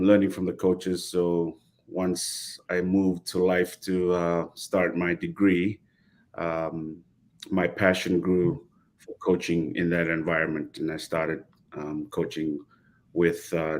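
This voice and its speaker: A middle-aged man, a rugby coach speaking as a guest in a casual interview, measured and pausing as he talks over a video call. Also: sits low, level tone. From Fiji.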